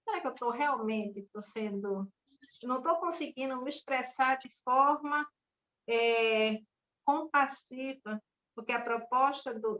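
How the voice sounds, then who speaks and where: A woman's voice: high voice, fairly bright tone, rough recording. A woman responding thoughtfully in a study group discussion, searching for words as she goes. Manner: hesitant, many fillers and restarts, reflective.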